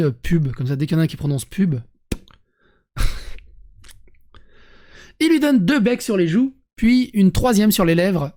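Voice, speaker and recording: A streamer with a French accent reading an article aloud to viewers, breaking off for lively, sarcastic asides and restarts. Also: medium pitch. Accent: French (France).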